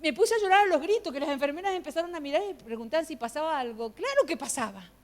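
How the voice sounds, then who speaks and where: A woman pastor, giving an emotional, animated sermon testimony full of acted-out quotes. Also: high voice, quick pace, long reverb tail. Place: church sanctuary.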